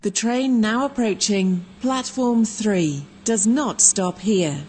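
A woman's voice giving a formal, measured train station platform announcement over a loudspeaker. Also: medium pitch. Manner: measured, formal, evenly spaced phrases. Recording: long hall reverb on loudspeaker.

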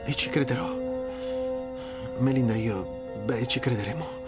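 A man's voice: medium pitch, a little slow, natural voice. A man playing a resigned islander reasoning persuasively with his friend in a dubbed film drama. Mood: grim resignation. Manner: pleading, persuasive. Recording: loud film score behind. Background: loud dramatic music.

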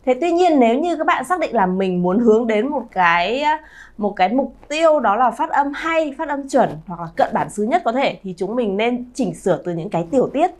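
Lively woman teaching pronunciation. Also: fairly high pitch, moderate pace. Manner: lively, stretches sounds to model pronunciation. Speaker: Chinese teacher, channel founder. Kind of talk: pronunciation lesson to camera.

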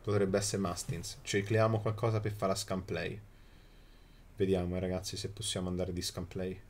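A man's voice: sits low, level tone, normal speed, slight background noise. A man, commentating a live mobile game emphatically, repeating phrases and swearing in exasperation. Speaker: game streamer. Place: small indoor streaming room.

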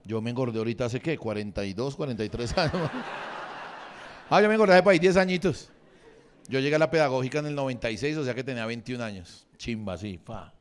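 A man's voice: mid-range voice, quick pace, slight background noise. A man in his forties with a Bogotá accent, doing improvised, crude stand-up and bantering with the audience. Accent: Bogotá Spanish. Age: 40s. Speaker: stand-up comedian. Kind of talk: improvised stand-up crowd work. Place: comedy venue with a live audience.

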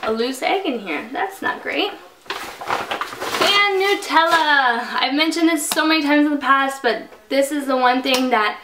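A woman's voice: high-pitched, measured pace. Chatty young woman in an echoey kitchen. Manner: chatty and animated, holding up items. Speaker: vlogger. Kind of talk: casual grocery haul talk. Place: home kitchen, indoors. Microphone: camera mic from a few feet away. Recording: echoey room, distant mic, noisy.

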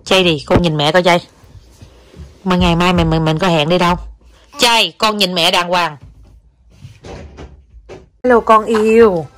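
Young woman, Southern Vietnamese accent, lower voice, chatty, coaxing, casual home vlog. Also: fairly even intonation, measured pace, pauses often, a bit bright. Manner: coaxing, chatty, mixes in English words. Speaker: mother vlogging with her child. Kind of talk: casual family vlog chat. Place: home, indoors.

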